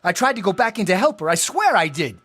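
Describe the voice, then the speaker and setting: A man's voice: high voice, very animated, fast, fairly bright tone, full character voice. A young man acting a panicked teenage tough boy in a video game, with an emphatic, pleading, slangy delivery. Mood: desperate pleading.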